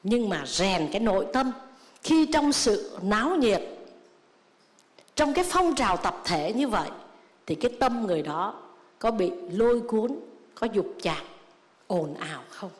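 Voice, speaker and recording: A Buddhist nun giving a sermon, telling stories and acting out the lines of the people in them. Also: female voice, medium pitch, unhurried, pauses often. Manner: storytelling with lively quoted dialogue. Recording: long reverb of a hall.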